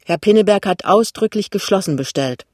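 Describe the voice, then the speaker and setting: Ein Mann liest einen höflichen, sachlichen Chauffeur aus der Kleinstadt. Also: male voice, sits high, lively intonation, brisk, darkish tone, no echo, clean studio sound, pitched above the performer's own voice. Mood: polite. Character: polite small-town male chauffeur.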